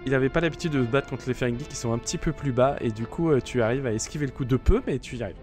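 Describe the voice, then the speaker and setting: A French man runs a tabletop role-playing session, describing outcomes and dice results. He talks at a mid pitch and stops often to restart his sentences. Faint music plays behind him. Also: rapid-fire, a little mellow. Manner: explains rolls with many fillers and restarts. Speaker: game master. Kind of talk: narrating a tabletop game.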